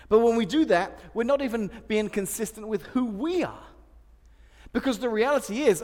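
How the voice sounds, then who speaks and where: High-voiced male preacher in a big echoing hall. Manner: animated storytelling with repetitions and humor. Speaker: pastor. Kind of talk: sermon.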